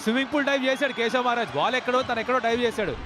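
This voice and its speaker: A man giving excited cricket commentary, exclamatory, mixing drawn-out English catchphrases into Telugu. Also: very high voice, heavy background noise.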